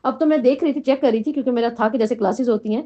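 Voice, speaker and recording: A middle-aged woman teaching a Quran lesson to a class, often asking questions and checking in with "right?". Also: on the high side. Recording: dull lo-fi recording.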